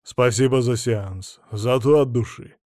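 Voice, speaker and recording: Brief: audiobook, a man doing a gruff, quick-tempered guy who grumbles and yells, dry close recording. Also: medium pitch, no echo, natural voice. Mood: grumbling. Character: irritable middle-aged man, a suspected widower, quick to explode.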